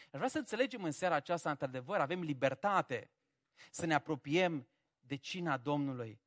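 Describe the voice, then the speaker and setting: A man preaching a sermon, humorous and animated, swinging from quiet reflection to loud emphasis. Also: fairly high pitch. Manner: animated and humorous, acting out biblical characters.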